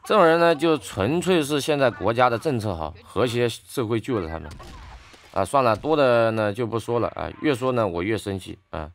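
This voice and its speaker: A man's voice: medium pitch, animated, a little fast. A man gaming online and telling an angry story in a heated, indignant ranting manner. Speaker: game streamer. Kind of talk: ranting story over gameplay.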